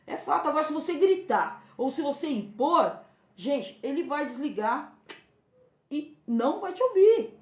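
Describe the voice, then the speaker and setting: A Brazilian woman hosting a parenting live stream, giving advice and acting out gentle talks with a child. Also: sits high, big pitch swings, a little slow, echoey room. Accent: Brazilian Portuguese. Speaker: parenting channel host.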